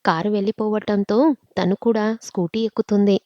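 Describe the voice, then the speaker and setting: A woman storyteller reading a scripted story with a steady, expressive delivery. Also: mid-range voice, normal speed, no echo, lo-fi sound.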